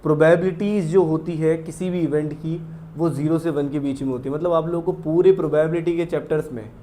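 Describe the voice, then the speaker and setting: A man with an Indian accent teaching a maths lesson. He explains step by step, reads English definitions slowly and keeps asking his students if it is clear. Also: fairly high pitch, steady tone, dark tone. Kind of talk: classroom lecture mixing Hindi and English.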